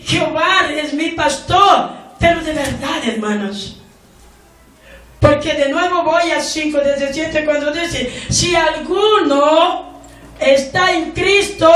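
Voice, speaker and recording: A woman pastor preaching a sermon, slow and emphatic, asking the congregation questions again and again. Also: high-pitched. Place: church hall. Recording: echoey church room from far off.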